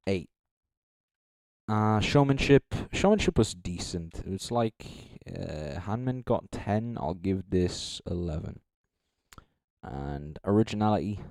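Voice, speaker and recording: A man's voice: low-pitched, a little mellow, dry recording. A young man casually commenting on a live stream, rambling, correcting himself and swearing freely. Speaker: streamer judging beatbox entries.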